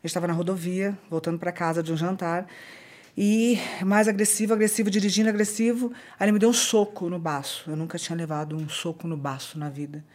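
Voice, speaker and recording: A woman with a Brazilian accent, a podcast guest recounting a personal story in an earnest, halting way, often repeating herself. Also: on the low side, flat delivery, darkish tone.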